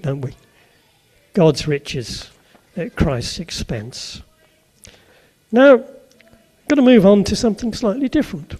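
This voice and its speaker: A man's voice: high-pitched, a little mellow. An older man with a Suffolk accent gives an anecdotal sermon to a live audience. He talks in a chatty way, tosses questions to the listeners and drops in jokey asides. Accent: Suffolk English. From Suffolk, England.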